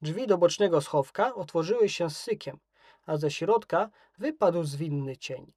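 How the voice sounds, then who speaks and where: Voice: mid-range voice, expressive, unhurried, a little mellow, no echo, studio quality. A narrator reading a children's story aloud.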